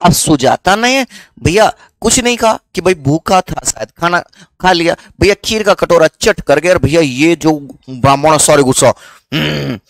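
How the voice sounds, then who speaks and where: A man's voice: fairly high pitch, expressive, moderate pace, no room sound. A young man with a Haryanvi accent teaching history as a story, often repeating questions back to his students.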